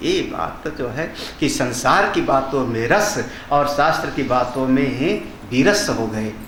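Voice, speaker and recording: An older man, a swami, giving a discourse on scripture, chanting Sanskrit verses slowly and then explaining them in conversational speech with rhetorical questions. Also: medium pitch, expressive, fairly bright tone, slight background noise. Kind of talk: Hindi discourse on Vedanta. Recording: echoey hall ambience.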